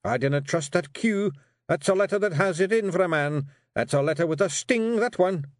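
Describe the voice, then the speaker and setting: Brief: loud, high, growling Scottish pixie brawler, as a man puts him on. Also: normal speed, no echo, clean studio sound, close to an everyday voice. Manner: growling, blustering. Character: gruff small male warrior pixie chief. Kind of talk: audiobook character voice.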